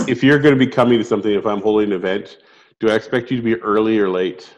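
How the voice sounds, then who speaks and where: A middle-aged man co-hosts a podcast in casual conversation. His voice sits fairly low and has a rough, gravelly rasp like sandpaper. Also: fast, low-quality recording. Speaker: podcast co-host. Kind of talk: casual chat.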